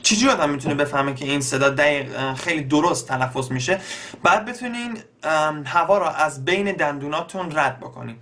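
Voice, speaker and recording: A young man with an Iranian Persian accent, explaining beatbox basics in a relaxed spoken tutorial. His voice sits a little high for a man, and he often stops to search for words with frequent fillers. The talk is unhurried and stays step by step. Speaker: beatbox teacher.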